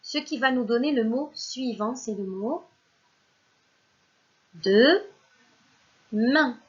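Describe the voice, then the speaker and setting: A woman's voice: a little high, moderate pace, muffled recording. A woman teacher giving a recorded reading lesson to young children, sounding out syllables one by one and praising the pupils. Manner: speaks directly to the pupils as if they are present, praising them. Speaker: primary school teacher.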